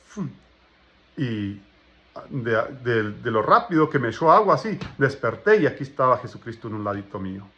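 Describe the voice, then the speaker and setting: A man's voice: a little high, fairly bright tone. A man giving an emotional personal religious testimony, telling his story and acting out the dialogue. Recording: dull lo-fi recording.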